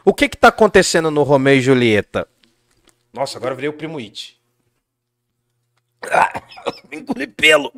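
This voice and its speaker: A man's voice: fairly high pitch, huge pitch swings, normal speed, creaky, pauses often, a bit bright. A man, chatting casually and joking at his own expense as a vlogger. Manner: joking, self-mocking. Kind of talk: casual chat.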